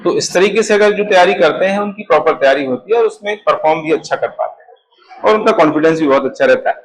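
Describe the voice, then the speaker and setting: A man's voice: a little high, animated, quick pace, rough recording. A middle-aged man, lecturing as an interview coach and often asking for agreement. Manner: explanatory, repeats "है ना?" for agreement. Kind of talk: classroom lecture.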